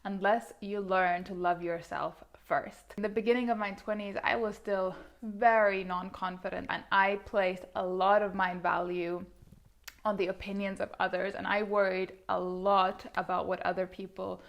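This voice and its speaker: Woman, 30, vlogger; earnest, thoughtful monologue to camera, mid-pitched, lots of hedging fillers. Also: little pitch movement, moderate pace, vocal fry. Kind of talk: reflective casual monologue to camera.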